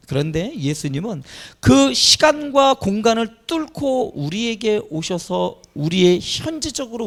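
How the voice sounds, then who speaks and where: Man, pastor, sermon, high gravelly voice, lively swings in pitch. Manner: animated preaching, rising to emphatic highs. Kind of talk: Easter sermon.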